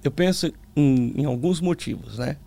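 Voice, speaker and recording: A Brazilian man with a tongue-tied lisp and slurred sibilants, giving reflective religious testimony in conversation as a preacher, with emphatic pauses and repetition. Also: medium pitch, lively intonation, creaky, mellow. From Brazil, small town in the interior. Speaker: preacher, interview guest.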